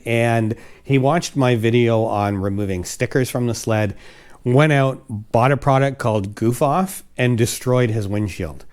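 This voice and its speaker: A Canadian man with a medium voice talks through a hands-on how-to in a casual vlog. He is chatty and self-mocking, and his pitch jumps up when he gets excited. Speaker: host.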